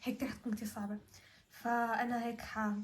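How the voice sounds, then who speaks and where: A woman's voice: on the high side, fast talker. A woman with a Levantine Arabic accent chatting casually and giggling through a playful game. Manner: giggly, animated. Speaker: challenge video participant. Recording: echoey room.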